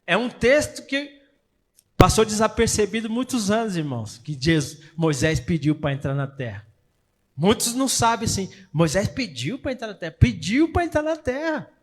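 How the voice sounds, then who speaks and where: A man with a Brazilian Portuguese accent preaching a sermon in church, swinging between loud and soft and acting out quoted voices. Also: sits high, sing-song, moderate pace.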